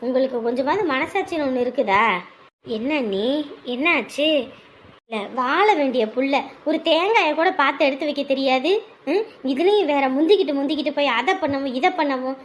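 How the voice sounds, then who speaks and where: A woman's voice: high voice, normal speed, long pauses, a little hiss or hum, natural voice. An actress playing a suspicious widowed mother who scolds her sister-in-law in a family drama. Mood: accusing. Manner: scolding, accusing.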